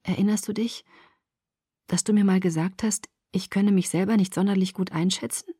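A woman's voice: mid-range voice, fairly even intonation, moderate pace, warm tone, husky, dry recording, studio quality, lightly acted. Woman reading a stubborn young woman in love. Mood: soft.

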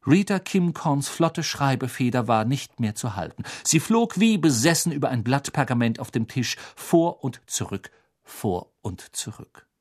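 A man narrating an audiobook in an expressive, dramatic storytelling manner. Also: mid-range voice.

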